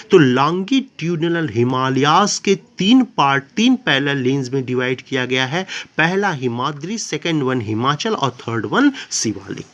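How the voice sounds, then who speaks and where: A man teaching a geography lesson in a chatty classroom style, terms into his talk and often asking if it is clear. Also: medium pitch. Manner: chatty, addresses students as babu, asks "clear?".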